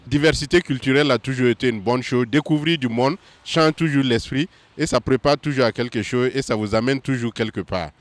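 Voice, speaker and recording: A man's voice: medium pitch, brisk, few pauses, dry recording. A man from Burkina Faso, earnestly answering a street interview.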